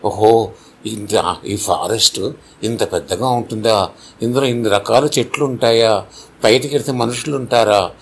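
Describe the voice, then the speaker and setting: A man's voice: lowish voice, moderate pace, creaky, husky. A man voicing a curious, chatty turtle. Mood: wondering. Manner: wondering, eager questions. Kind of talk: storybook character voice for children.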